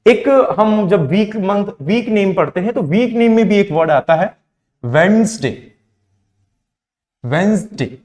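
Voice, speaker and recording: A man's voice: high voice, moderate pace, hardly any pauses, a little mellow. A young man from India teaching pronunciation in a classroom lesson, asking questions and answering them himself. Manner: asks questions then answers them himself, mixing Hindi and English.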